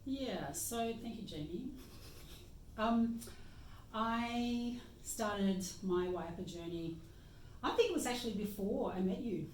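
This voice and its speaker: A woman's voice: medium pitch, expressive, takes it slowly, a little mellow, a little hiss or hum. An Australian woman speaking as a guest practitioner in a casual, reflective conversation about nature. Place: meeting room indoors. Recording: echoey room, mic at a distance.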